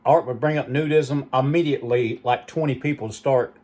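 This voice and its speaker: A man's voice: mid-range voice, steady tone, a little fast, darkish tone. Guy just rambling about the old days, chatty, wanders off on asides. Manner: rambling, nostalgic storytelling with asides. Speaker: channel host. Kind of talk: rambling reminiscing monologue.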